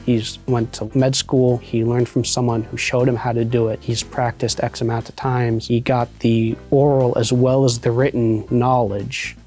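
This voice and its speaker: A man in his thirties explaining his beliefs in a sit-down studio interview, measured and fond of analogies, recorded on a lapel mic. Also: medium pitch, level tone. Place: studio set with armchair. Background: soft background music.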